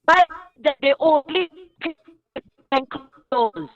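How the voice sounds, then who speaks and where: A woman's voice: high voice, lively intonation, slow pace. A woman correspondent speaking over a breaking-up call line, with her words cutting in and out and dropping mid-sentence. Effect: breaking-up call line, audio cutting in and out. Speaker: phone-in correspondent. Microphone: remote call line. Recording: dull lo-fi call line from far off.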